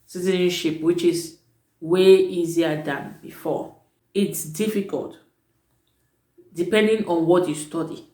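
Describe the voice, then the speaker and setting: A woman who teaches at an international school gives casual vlog advice to prospective students, chatty and emphatic, often correcting herself mid-sentence. Her fairly low, mellow voice keeps fairly even intonation and moves slowly with long pauses, in an echoey room.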